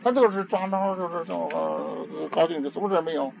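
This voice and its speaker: An older man teaches Buddhism in a relaxed, chatty way, his fairly high voice swinging widely up and down. He stumbles over and repeats his words as he goes. The archival recording is dull and lo-fi, with a faint hiss behind him. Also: fairly quick, vocal fry. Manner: homely and conversational, repeats and restarts words. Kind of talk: informal dharma talk.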